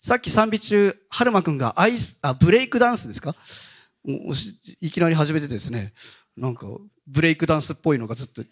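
A male pastor giving a Sunday sermon, telling stories in a casual, animated way. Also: on the high side, fast. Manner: animated storytelling with casual asides.

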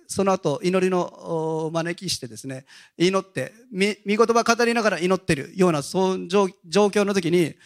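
A male pastor giving a Sunday sermon, telling stories in a casual, animated way. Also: fairly high pitch. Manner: animated storytelling with casual asides.

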